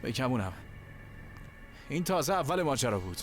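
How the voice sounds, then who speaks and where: A man's voice: mid-range voice, big pitch swings, faint music behind, natural voice. A male actor playing a loyal, street-smart criminal with a casual, slangy way of talking. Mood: menacing.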